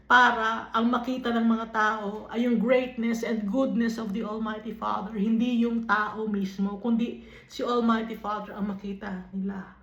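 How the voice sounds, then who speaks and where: A woman with a Filipino accent leading a Bible study, reading verses aloud and then explaining them in an unhurried way, switching between English and Tagalog. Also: a little high, flat delivery, a bit bright. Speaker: Bible teacher. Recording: dull, lo-fi recording in an echoey room.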